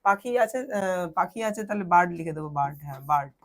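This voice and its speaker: A woman's voice: lowish voice, quick pace. Woman tutor quizzing young pupils. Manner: patient, asks students questions and answers them herself. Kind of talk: teaching Bengali to English translation to children.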